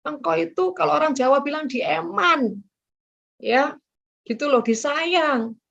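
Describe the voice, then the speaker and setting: A middle-aged woman evangelist, preaching a sermon in a lively way and acting out quoted voices as she speaks straight to her listeners. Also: sits high, measured pace, vocal fry. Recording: dull muffled recording.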